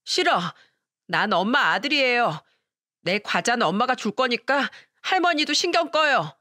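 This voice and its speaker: A woman putting on a high, shrill five-year-old boy, jealous and whining, tantrum-prone, from a storybook reading with a dry close sound. The childish voice pitches well above her own as he yells and sulks. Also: lively intonation, normal speed, no room sound.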